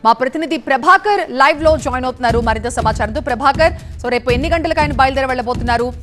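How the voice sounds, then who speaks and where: A woman news anchor, reading live TV headlines in a crisp newsreader manner. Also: high-pitched, fairly bright tone, soft background music. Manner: brisk, crisp newsreader delivery.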